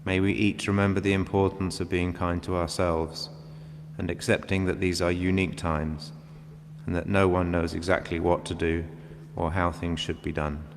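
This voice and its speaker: A man reading prayers of intercession in a solemn, measured liturgical style inside a reverberant church. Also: deep voice, flat delivery. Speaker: reader of intercessions. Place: large reverberant church, indoors. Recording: long church reverb, background hum.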